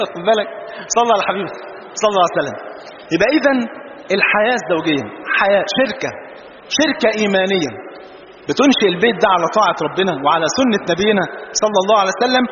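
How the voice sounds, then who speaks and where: An Egyptian man with an Egyptian Arabic accent, preaching in an animated storytelling way and mixing jokes into his religious talk. His voice sits high for a man and the words tumble out at great speed. He is heard in a large hall with a long, roomy echo. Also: very fast. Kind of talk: sermon with humorous anecdotes. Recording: dull, roomy, noisy hall recording.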